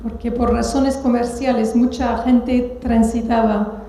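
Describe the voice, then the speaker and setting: A woman interpreting a sermon phrase by phrase, quick and fluent, sometimes restarting a word mid-phrase. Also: on the high side, steady tone, mellow. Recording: echoey hall.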